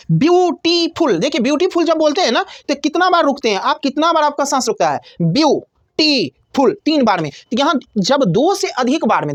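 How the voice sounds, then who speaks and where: A woman teaching a grammar lesson, who asks questions and answers them herself and repeats key words slowly. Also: sits high, no room sound.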